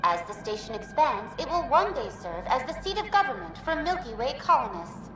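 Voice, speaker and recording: In an echoey space with clear music behind her, a cheerful, helpful female virtual intelligence in a sci-fi game delivers a scripted automated welcome, upbeat and formal like a customer-service greeter. Her high, very lilting voice swings widely in pitch at normal speed, picked up by a distant mic.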